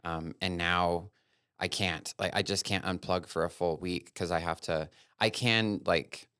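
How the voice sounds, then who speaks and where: A man's voice: low-pitched, steady tone, measured pace, pushed and bright, clear, resonant tone, no echo, studio quality. A man from Wyoming, a guest photographer, talking candidly and earnestly in a casual interview, with long run-on thoughts.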